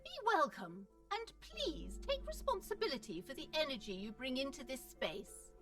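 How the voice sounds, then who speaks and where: A woman's voice: sits high, big pitch swings, normal speed, fairly bright tone, distant mic, soft background music. A woman voicing a formal greeter in a video game, her voice coming through robotic and metallic. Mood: formal welcome. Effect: robotic, metallic distortion.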